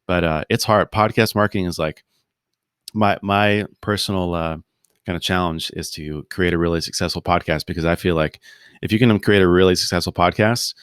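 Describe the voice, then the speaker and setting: A man talking casually as a podcast guest over a video call, relaxed and rambling, full of fillers and restarts. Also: deep voice, brisk, clear, resonant tone, dry recording, clean studio sound. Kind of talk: casual interview conversation.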